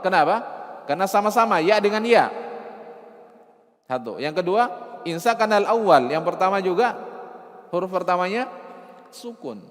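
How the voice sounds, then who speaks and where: A man teaching recitation rules, explaining with rhetorical questions and repeating key terms, sometimes slowly chanting verses. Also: a little high, big-room sound. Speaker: Arabic and Quran recitation teacher.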